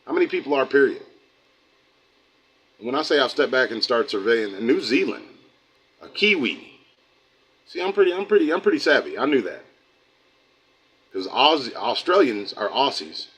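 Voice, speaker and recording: A man's voice: medium pitch, very animated, moderate pace, long pauses, a bit bright, breathy edge, low-quality recording. A middle-aged man from the United States hosting a livestream, chatting casually with viewers in a folksy, rambling way that drifts into preaching. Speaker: host of a livestream channel. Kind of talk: casual livestream talk, reading chat.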